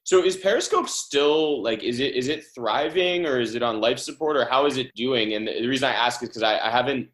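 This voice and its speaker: A man's voice: medium pitch, a little fast, few pauses, a bit bright. A man hosting a podcast, asking long, wandering questions with many restarts. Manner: asks long, rambling questions, full of restarts. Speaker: podcast host. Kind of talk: interviewing a guest.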